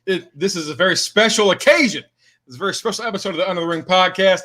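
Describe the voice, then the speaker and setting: A man's voice: sits high, racing, bright, forceful tone. A man chatting casually and playfully about wrestling as a podcast co-host. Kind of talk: casual wrestling fan chat.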